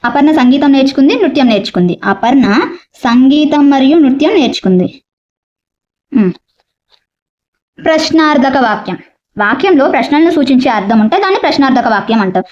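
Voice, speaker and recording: A woman teacher, explaining a grammar lesson and slowly repeating examples. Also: high-pitched, lively intonation, darkish tone, lo-fi sound. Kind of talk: exam-prep grammar lesson.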